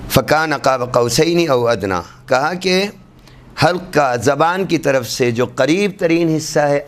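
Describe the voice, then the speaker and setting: In a classroom lesson on Quran recitation, a man with a medium-pitched voice demonstrates letter sounds slowly and repeats them for his students.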